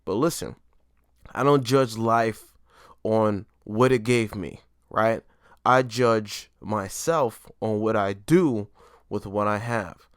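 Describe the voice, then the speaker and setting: A New York man hosts a solo motivational podcast, talking casually and emphatically, stressing key words and repeatedly checking in with "right?" and "you know what I mean?" His fairly low voice is smooth and slow, recorded with studio quality and no echo.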